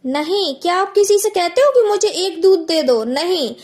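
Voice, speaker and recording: High-voiced woman teaching grammar. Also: lively intonation, a little mellow. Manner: asks the listener questions and answers them herself, repeats key words; slows down and stretches out example phrases.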